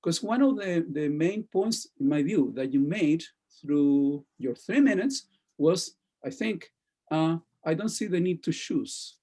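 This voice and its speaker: A male teacher talks through his critique of a student speech on a video call. His voice is fairly high for a man but has a dark, mellow tone. He halts often, restarts his sentences, and keeps checking in with "okay?". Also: expressive, unhurried. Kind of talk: classroom feedback.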